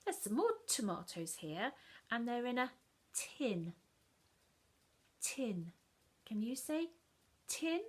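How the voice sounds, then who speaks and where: A woman teaching a children's phonics lesson, sounding out letters slowly and coaxing listeners to repeat words. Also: on the high side, sing-song, breathy edge.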